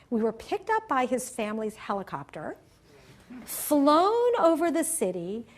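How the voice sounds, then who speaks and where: Woman, lecturer, motivational talk, high bright pitch, animated storytelling. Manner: storytelling, animated, upbeat, laughs at her own punchlines. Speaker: university lecturer.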